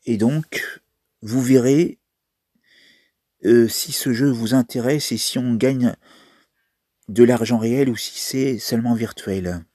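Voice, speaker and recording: Guy rambling over a mobile game, slightly husky voice, dry close recording. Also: medium pitch, slow, pauses often, dark tone, no echo. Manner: chatty, thinks aloud while playing. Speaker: mobile game video maker. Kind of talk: casual gameplay commentary.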